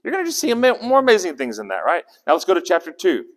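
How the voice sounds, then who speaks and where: Very fast and high-pitched, a man's voice swoops wildly as he leads an interactive Bible study. He talks casually with the group, asks them questions and restarts words, his speech echoing through a hall.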